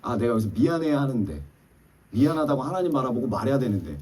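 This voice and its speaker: Pastor type, male, mellow husky voice, lively delivery of a church story, heard at a distance in the sanctuary. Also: medium pitch, fast. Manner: storytelling, acting out quoted dialogue. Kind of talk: sermon.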